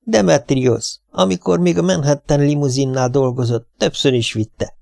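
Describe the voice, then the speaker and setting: A nervous husband talks his wife round in a steady, coaxing tone, as a male audiobook reader plays him. His voice is gravelly and heard close and dry. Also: fairly high pitch, dry recording. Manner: coaxing, reassuring, plain.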